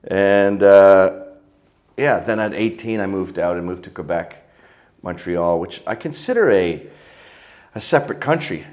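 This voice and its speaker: Man, middle-aged, low voice, provocative, jokey storyteller. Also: lively intonation, measured pace, darkish tone. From Canada. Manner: crude, joking, provocative. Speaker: guest. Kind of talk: casual interview storytelling.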